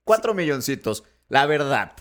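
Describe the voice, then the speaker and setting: A man's voice: on the high side, very animated, moderate pace, fairly bright tone. A man from Mexico, co-hosting a podcast, pushing with provocative, teasing questions in casual political chat. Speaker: podcast co-host.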